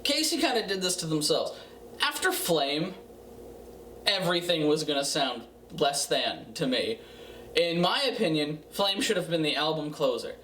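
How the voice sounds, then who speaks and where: A man's voice: on the high side, animated, sharp tone. Tipsy, rambling man on a distant mic. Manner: tipsy, rambling drunken delivery with halting, repeated phrases. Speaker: amateur music reviewer. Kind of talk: casual, profane video review. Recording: roomy, distant mic, faint noise.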